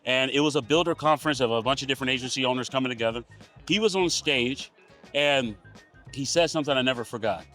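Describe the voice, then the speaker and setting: A man hosting a podcast, relaxed, telling stories and asking questions in a casual interview. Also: mid-range voice, fast, faint music behind. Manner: relaxed, storytelling, asks questions. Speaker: podcast host.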